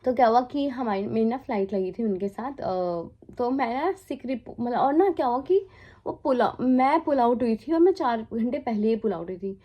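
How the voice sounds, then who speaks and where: Speaking at a normal speed with lively intonation, a young Indian woman in her twenties narrates a storytime vlog about her work as a flight attendant. Her voice sits a little high and the audio is dull. The talk is casual Hindi laced with English, chatty, with laughs and side comments.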